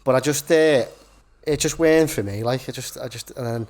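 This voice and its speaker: A man's voice: medium pitch, a little fast, darkish tone. A young man, talking casually as a podcast guest and rambling through his stories with lots of filler words. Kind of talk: casual chat.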